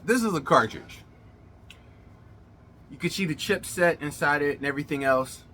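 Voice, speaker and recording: A man's voice: a little high, moderate pace, sharp tone, a little hiss or hum. A middle-aged man hosting a casual gaming vlog, speaking in an emphatic, colloquial showman's way, his words slightly slurred as if from a swollen mouth. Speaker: gaming channel host. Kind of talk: casual vlog monologue to viewers.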